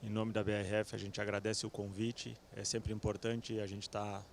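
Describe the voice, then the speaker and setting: A man speaking as a company executive on a conference panel, relaxed, tagging sentences with little fillers and fixing his own words as he goes. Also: lowish voice, moderate pace, vocal fry, slight background noise. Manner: relaxed, fillers like "né", self-correcting. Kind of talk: conference presentation. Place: event stage with audience.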